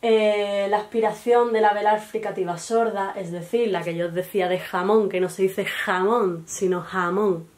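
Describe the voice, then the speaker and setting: A woman's voice: medium pitch, steady tone, darkish tone. Andalusian woman teaching a class. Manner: explanatory, frequent pauses and "eh" fillers, checks understanding with "¿vale?". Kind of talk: recorded lesson.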